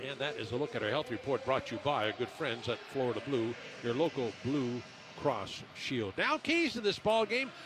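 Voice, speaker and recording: A man commentating on a basketball pre-game show as the radio broadcaster, in a conversational, halting way. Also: medium pitch, sing-song.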